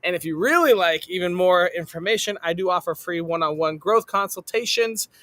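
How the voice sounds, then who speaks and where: Male podcast host, emphatic; high and bright voice. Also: brisk, no room sound. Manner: upbeat, emphatic announcer delivery. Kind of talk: podcast host reading sponsor shout-outs.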